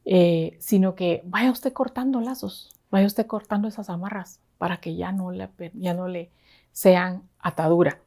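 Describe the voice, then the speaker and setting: A woman's voice: fairly low pitch, fairly even intonation, unhurried, warm tone. A woman deaconess preaching a sermon to a women's service in an earnest, conversational way.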